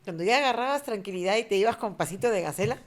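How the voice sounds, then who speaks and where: A woman's voice: mid-range voice, rapid-fire. A middle-aged woman with a Peruvian Spanish accent tells stories in a casual chat. Her voice rises and falls a lot. She slips into quoted voices as she goes. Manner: animated storyteller acting out quoted voices. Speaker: podcast co-host.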